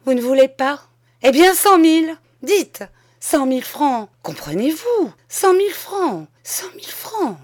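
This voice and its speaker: A woman's voice: medium pitch, lively intonation, unhurried, no room sound, clean studio sound, voice pushed up. A woman playing a blustering desperate village mayor. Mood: begging. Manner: blustering, then pleading and stammering. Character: middle-aged male village mayor, violent-tempered, desperate.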